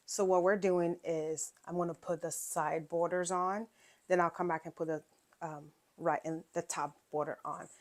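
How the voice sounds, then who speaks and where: A woman with a somewhat low voice talks through a quilting project step by step. Her delivery is loose and chatty, full of fillers and quick check-ins with the viewer. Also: fairly even intonation. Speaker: quilting channel host. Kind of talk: casual sewing tutorial.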